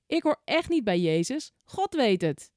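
A woman's voice: on the high side, very animated, measured pace, a little mellow, no echo, clean studio sound, pitched above the performer's own voice. A woman voicing a frightened, stubborn male disciple in a storybook tale, who answers with defensive, blustering denials. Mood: evasive.

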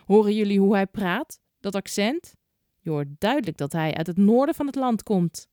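A nosy, suspicious man from a storybook crowd, as a woman puts him on, insisting on what he thinks he heard. The voice is warm and mellow and recorded dry. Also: mid-range voice, expressive, moderate pace, dry recording, lightly acted. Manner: insistent, accusing.

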